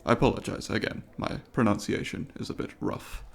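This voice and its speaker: A man with a lowish, husky voice and vocal fry talks briskly, playing a polite, eager alien student in an ASMR roleplay. He addresses the listener formally and precisely, asking questions and apologizing, with a polite, curious mood.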